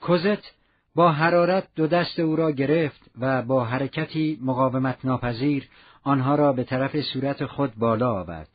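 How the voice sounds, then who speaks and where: A man narrating a classic novel in measured, literary scripted narration. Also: medium pitch. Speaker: audiobook narrator. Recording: dull lo-fi recording.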